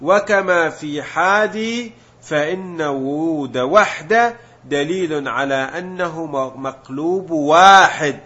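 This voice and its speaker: A male teacher walks through a grammar lesson step by step, asking questions and then answering them himself. His voice sits a little high. The recording is dull and lo-fi. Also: slow pace, bright, forceful tone. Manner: mixes colloquial Gulf Arabic with classical terms. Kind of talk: Arabic morphology lesson.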